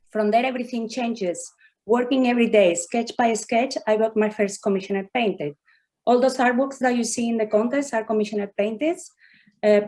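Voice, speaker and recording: Woman, thirties, Spanish accent, careful halting phrasing, video call, mid pitch. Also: darkish tone. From southern Spain. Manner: slow, careful, non-native phrasing with filler pauses. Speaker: contestant artist. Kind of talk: presenting her work on a video call.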